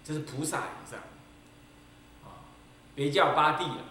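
A man's voice: a little high, unhurried, bright, forceful tone, recorded from a distance, slight background noise. A Taiwanese-accented Buddhist abbot giving a Dharma sermon, emphatic and repetitive, often turning to his listeners with rhetorical questions. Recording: very echoey hall.

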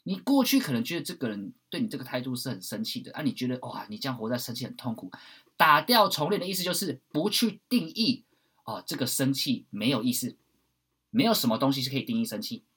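Husky man, blunt preaching. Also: mid-range voice, very animated, quick pace. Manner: blunt and preachy, swears, swings from loud to hushed. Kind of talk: impassioned monologue.

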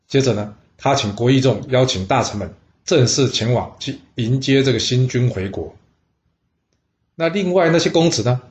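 Guy spinning an old history yarn, chatty and lively, roomy echo. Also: mid-range voice, muffled recording. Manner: animated, chatty asides to listeners. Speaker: storyteller.

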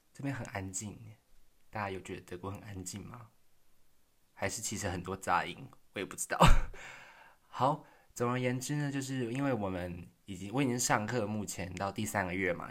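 一位台湾口音的年轻男性，以轻松随意的方式讲述日常故事，爱自嘲，常笑着模仿对话。. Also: male voice, on the low side, a bit bright. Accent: Taiwanese Mandarin. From Taiwan. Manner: chatty, self-deprecating, laughs often, acts out dialogue. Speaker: vlogger. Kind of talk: casual storytelling monologue. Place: quiet room.

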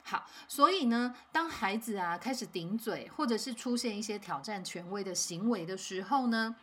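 A mother hosting a parenting podcast, telling a home story in a calm, measured way with soft, weary asides. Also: medium pitch, husky.

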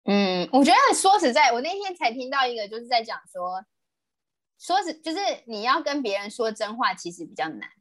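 Podcast co-host: Taiwanese woman, late 20s, bright higher voice, animated fast delivery, laughs easily. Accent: Taiwanese Mandarin. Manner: chatty, laughs often, frequent restarts. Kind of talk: casual chat.

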